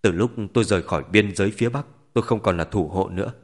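Male narrator voicing a stern former border commander, low, steady, storybook. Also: fast. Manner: low, gentle, firm.

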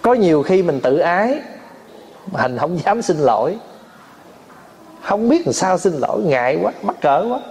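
Male monk, fairly high voice; sermon delivery with lively acted-out anecdotes. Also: a little slow, pauses often. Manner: storytelling, acts out family quarrels, laughs often. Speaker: Buddhist monk giving a dharma talk.

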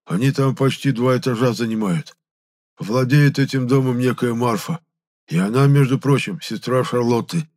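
Man voicing a moaning male spirit, in a rotting corpse, whiny, raised pitch, audiobook. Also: moderate pace, darkish tone, natural voice. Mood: explaining. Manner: whiny, moaning, bursts into roaring.

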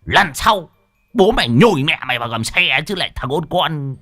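A man voicing a loud, crude, boastful old male driver. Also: a little high, sing-song, normal speed, voice pushed up, exaggerated voice. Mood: abusive. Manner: shouting, abusive, boastful.

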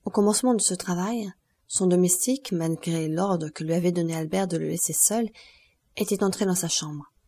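A woman narrating a classic novel as an audiobook, reading in a measured, expressive way. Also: fairly low pitch.

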